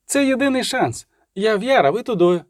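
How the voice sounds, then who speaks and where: A man's voice: high-pitched, lively intonation, brisk, dry recording, studio quality, pitched above the performer's own voice. A man voicing a frightened young woman who speaks in a trembling, urgent way as she flees.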